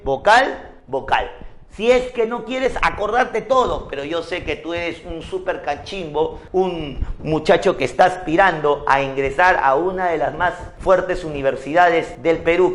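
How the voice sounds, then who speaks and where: A man's voice: high-pitched, fairly bright tone. A man, teaching an exam-prep chemistry lesson, who asks and answers his own questions and drills memory tricks by repetition.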